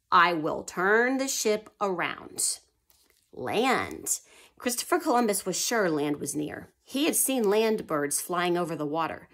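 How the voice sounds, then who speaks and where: Here a woman with a lowish, somewhat bright voice reads a history lesson to young children. Whenever the story gets suspenseful she slips into a whisper, and she often stops to ask questions that she then answers herself.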